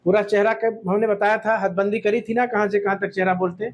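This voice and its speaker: A man's voice: high-pitched, fairly even intonation. A man teaching Islamic law to a class, quizzing the students and often checking that they agree, with English words mixed in. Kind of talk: classroom lesson with questions to students.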